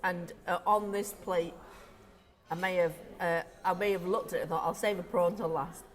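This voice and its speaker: A woman co-hosting a casual food tasting chat, talking with her mouth full and filling pauses with ums. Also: fairly low pitch, steady tone. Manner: chatty, eats while talking, many ums. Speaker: deli owner co-host. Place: deli or shop indoors.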